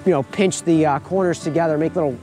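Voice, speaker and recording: A man's voice: on the high side, quick pace, dark tone, soft background music, low-quality recording. Chatty young man teaching foraging. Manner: casual, chatty, laughs often. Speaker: foraging instructor. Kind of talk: outdoor teaching walk. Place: forest outdoors, then wooden lodge hall.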